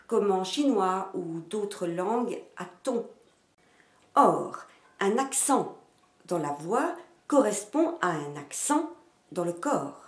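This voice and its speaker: A woman teaching phonetics in a slow, deliberate scripted narration, demonstrating intonation and stress with varied emphasis. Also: mid-range voice. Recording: roomy echo.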